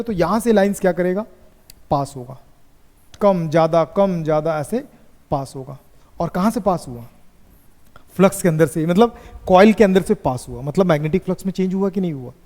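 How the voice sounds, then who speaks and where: A man teaching physics in a classroom, asking students questions and dictating notes slowly. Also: sits high, a little mellow. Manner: slow dictation. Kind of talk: classroom lecture. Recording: echoey classroom reverb.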